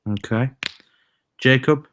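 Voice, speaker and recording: A man hosting a live quiz stream, reading rhyming clues slowly and chatting between questions. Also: medium pitch, a bit bright, clean tone, dry recording, clean studio sound. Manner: reads quiz rhymes slowly, chatty asides. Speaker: quiz host.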